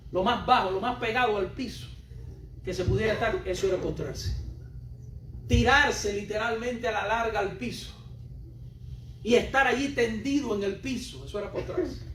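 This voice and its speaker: A man's voice: high-pitched, normal speed, pauses often, fairly bright tone, slight background noise. A man preaching a sermon, emphatic and repetitive, putting questions straight to his congregation. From Cuba. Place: church hall. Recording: roomy hall, voice from a distance.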